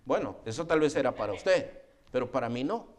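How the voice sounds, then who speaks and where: A middle-aged man preaching a sermon as pastor, animated and often calling listeners "hermano". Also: brisk. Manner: acts out quoted voices with rising pitch.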